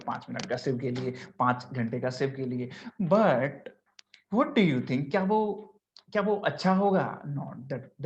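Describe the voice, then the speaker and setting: Man, speaking trainer, online class lecture, dull lo-fi recording, faint hiss. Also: on the high side. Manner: mixes Hindi and English, repeats key points.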